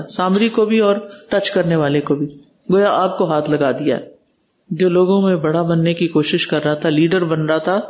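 High-voiced man preaching Quran commentary. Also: a little mellow. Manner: recites Arabic verses then explains in Urdu, emphatic.

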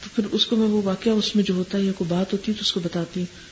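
A woman teacher gives gentle Islamic advice to listeners' questions, mixing in English words and often checking that they follow. Her voice sits at a middling pitch. The recording is dull and lo-fi, with a faint hiss underneath. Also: steady tone. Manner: mixes English words into speech.

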